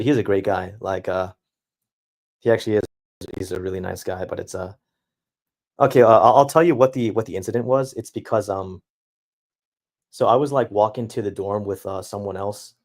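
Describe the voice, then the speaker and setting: Young guy, slightly low voice, halting and reflective as he reads and answers chat. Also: darkish tone. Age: young adult. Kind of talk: casual chat.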